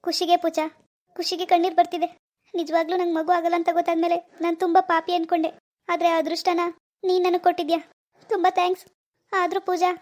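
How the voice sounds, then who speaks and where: A woman voicing a childless, deeply grateful elder sister in an animated cartoon, speaking in an in an earnest, pleading way.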